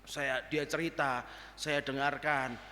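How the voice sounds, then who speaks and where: A man's voice: medium pitch, little pitch movement, slow, sharp tone, a little hiss or hum. A man preaching a storytelling sermon in a church, acting out the dialogue and sound effects in with a tinge. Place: church hall. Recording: reverberant church hall.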